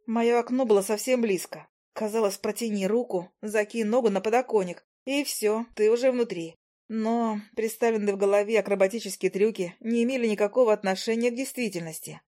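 A woman reading a story aloud in the first person, with a wry, lively storytelling manner. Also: mid-range voice, brisk. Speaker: audiobook narrator. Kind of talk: first-person scripted narration.

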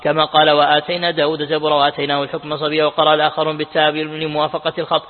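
Rapid flat-voiced man reading a religious text. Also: on the high side. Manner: rapid, flat recitation with self-corrections. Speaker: sheikh reading and commenting on Quran exegesis. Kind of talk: fast classical Arabic text reading. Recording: tinny lo-fi audio in a reverberant hall.

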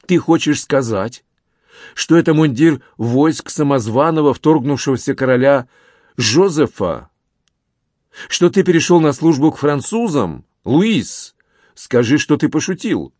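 A man voicing a kindly, excitable older male lawyer who mutters and exclaims, in an audiobook reading. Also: on the low side, moderate pace, no echo, studio quality, natural voice. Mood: alarmed.

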